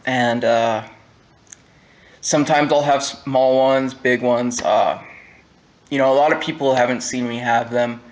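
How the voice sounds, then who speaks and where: A young man giving a personal monologue to the camera at home, candid and halting, with frequent pauses and fillers. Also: mid-range voice, fairly bright tone. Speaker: vlogger.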